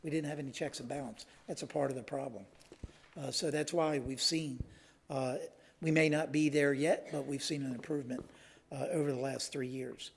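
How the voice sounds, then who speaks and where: A man serving as a city council member, explaining local matters at a public meeting in a halting, measured way. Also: mid-range voice, fairly even intonation, gravelly, husky.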